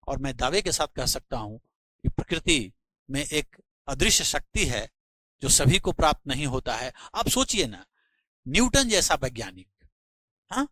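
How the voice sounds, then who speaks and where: Middle-aged male teacher, earnest and preachy, bright forceful tone, dry close sound. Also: fairly high pitch, no room sound, rough recording. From India. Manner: earnest, preachy, slows to stress points. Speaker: physics teacher. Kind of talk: motivational talk to students.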